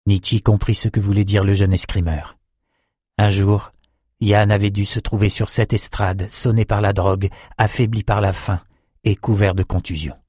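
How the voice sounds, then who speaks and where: A man's voice: on the low side, level tone, moderate pace, a little mellow, breathy edge, dry recording, clean studio sound. Man reading an audiobook steadily. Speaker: audiobook narrator. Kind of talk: audiobook narration.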